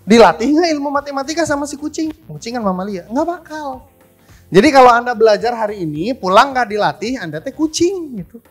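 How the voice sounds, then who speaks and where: A man's voice: very high voice, very animated, fast talker, few pauses, slightly rough, faint music behind. A man, teaching a live persuasion seminar, quizzing and joking with the room. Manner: coaching, quizzing the audience, joking. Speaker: persuasion trainer.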